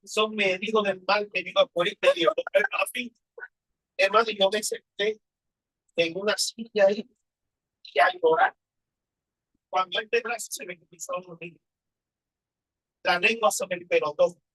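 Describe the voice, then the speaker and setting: A man's voice: high-pitched, steady tone, normal speed, long pauses, bright, forceful tone, dry recording, low-quality recording. A man preaching a personal testimony sermon, telling his story with emotion and asking rhetorical questions.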